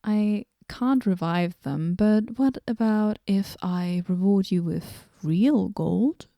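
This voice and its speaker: A woman's voice: medium pitch, slow, creaky, dry recording, clean studio sound. Woman doing a moody, sardonic goddess in whispered role-play. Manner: sarcastic, deadpan, shifting into soft whispers.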